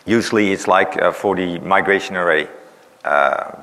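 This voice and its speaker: Gravelly-voiced man presenting in a hall. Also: low voice, moderate pace, sharp tone. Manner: explanatory, frequent "uh" and "right?" tags. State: losing his voice. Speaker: conference presenter. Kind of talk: technical conference talk. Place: large conference hall. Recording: reverberant conference hall.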